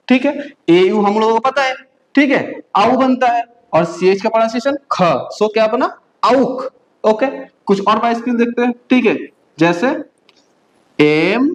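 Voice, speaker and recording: A woman from India teaching a beginner German lesson. She drills letter sounds slowly and keeps checking that the learners follow. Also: a little high, poor audio. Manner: patient drilling, frequent "okay?" check-ins, slow spelled-out letters.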